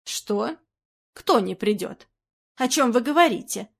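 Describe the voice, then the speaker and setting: A jittery aging actress, flustered and anxious, her questions tumbling out one after another, as a woman reads her in a storybook. She sounds uneasy and quick to startle. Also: a little high, expressive, gravelly, breathy edge, heavily acted. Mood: alarmed. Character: nervous aging woman film actress, jumpy.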